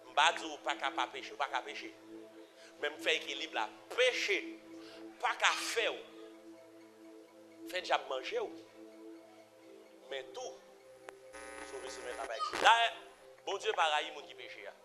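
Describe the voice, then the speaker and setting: A man with a Haitian accent preaching a sermon, repeating phrases and swinging from low murmurs to loud emphatic cries. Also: very animated, measured pace, pauses often. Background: music.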